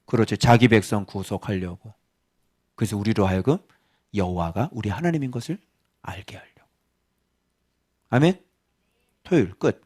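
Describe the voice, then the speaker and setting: A man's voice: lowish voice, animated, normal speed, pauses often, darkish tone. A middle-aged man preaching a sermon as pastor, chatty and teasing, often quizzing his congregation.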